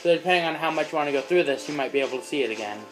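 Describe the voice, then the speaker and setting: A teenage boy hosts a let's play, casually commenting on his game from a dim room in front of a screen, filmed on a phone. He's excitable and yelps when hurt or in danger. His fairly high voice is rapid-fire over music, and the recording quality is low.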